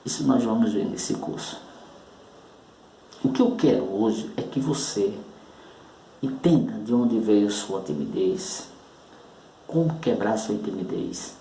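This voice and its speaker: A man teaches public speaking in a measured, unhurried way. He puts strong weight on key syllables and leaves room between phrases. His voice rings a little in an echoey room, with a faint hum of ambience behind it. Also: fairly low pitch, warm tone. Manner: emphatic, slow and deliberate, leaning on stressed syllables. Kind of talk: recorded oratory lesson.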